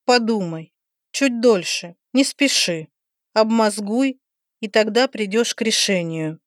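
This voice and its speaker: A woman voicing a proud, stern female goddess of death who speaks slowly and emphatically. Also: medium pitch, expressive, dry recording, studio quality. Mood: stern, imperious. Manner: commanding, slow and emphatic. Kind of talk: audiobook character voicing.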